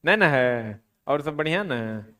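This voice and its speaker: Guy teaching physics, high voice, slow, teases the kids a lot. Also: lively intonation, pushed and bright. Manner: teasing, scolds and jokes with students. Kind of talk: classroom lecture. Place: classroom.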